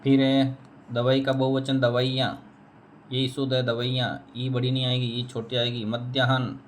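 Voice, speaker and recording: A man's voice: medium pitch, completely flat delivery, moderate pace, slight background noise. A man teaching a spelling lesson, repeating each word and answering his own questions. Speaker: Hindi teacher.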